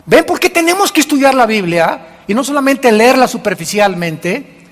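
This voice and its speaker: Man, pastor, very high voice, animated sermon, long hall echo. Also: normal speed. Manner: animated preaching, acts out quoted church members.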